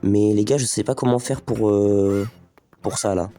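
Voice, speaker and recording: A mellow, low-leaning male voice with fairly even intonation takes its time here. The speaker, a gaming video host with a slight head cold, gives casual let's play commentary, chatting, thinking aloud and talking straight to viewers he calls les gars.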